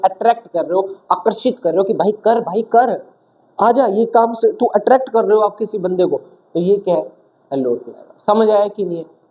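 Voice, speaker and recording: A man teaching exam vocabulary in a coaching lesson, asking rhetorical questions and answering them himself, with lots of repetition. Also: sits high. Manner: repetitive, asks and answers his own questions. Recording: tinny phone-like sound.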